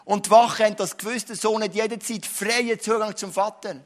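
A man's voice: high-pitched, fairly even intonation, a little fast. A male pastor with a Swiss German accent, preaching a sermon in an earnest style that rises to emphatic declarations.

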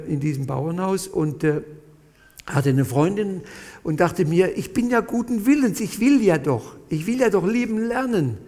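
A man tells his own life story to a gathered audience. His voice sits a little high, and he talks in halting bursts, turning often to his listeners. The sound carries a long hall echo. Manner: animated, halting storyteller, addresses listeners directly. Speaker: speaker giving a testimony. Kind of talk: personal testimony to an audience.

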